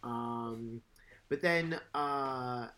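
A man in casual podcast chat, rambling and animated, swearing now and then. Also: medium pitch, extremely slow.

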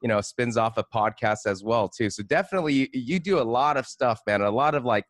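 A man co-hosts a casual podcast in a mid-pitched voice. He talks in a laid-back, slangy way and often stops to restart his sentences. The recording is dry and close. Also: expressive, a little fast, no room sound. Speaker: podcast co-host.

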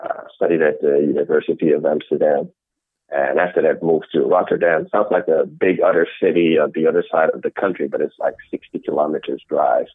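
A middle-aged man from the Netherlands answering interview questions in a measured way, often restarting his sentences. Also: rumbling low, fairly even intonation, husky, no echo. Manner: measured, with frequent restarts and fillers. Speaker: interview guest, innovation executive. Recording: dry, tinny phone-like call audio.

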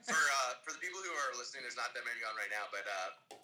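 A man's voice: mid-range voice, expressive, fast, very noisy. A young man co-hosting a podcast in casual conversation with a friend. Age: young adult. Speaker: podcast co-host. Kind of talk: casual chat between friends.

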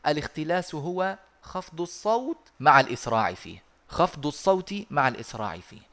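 A man with an Egyptian Arabic accent teaching Quran recitation in an online lesson over a video call. He explains a rule, then recites the examples slowly and repeats them. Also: fairly high pitch, big pitch swings, pushed and bright.

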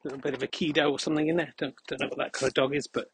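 A man's voice: mid-range voice, little pitch movement, very fast, a little hiss or hum. A man hosting a podcast as a casual, rambling monologue while walking outdoors on a country path. He is out of breath and adds dry, jokey asides. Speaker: podcast host.

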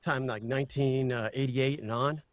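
A man's voice: mid-range voice, fairly even intonation, normal speed. An American man chatting casually as an interview guest, in a laid-back, colloquial manner. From Georgia, United States. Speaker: voiceover artist and ring announcer guest.

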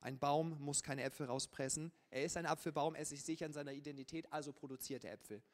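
A man preaching a lively sermon in a conversational, colloquial way, often adding a casual "ja". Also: a little high, fast talker. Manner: colloquial and conversational, with frequent filler ja. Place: church service.

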